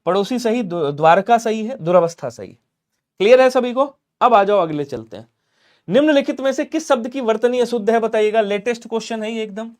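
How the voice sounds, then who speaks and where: A young adult man teaching Hindi spelling for an exam-prep class, lively, quizzing students and answering for them. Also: high voice, a little fast.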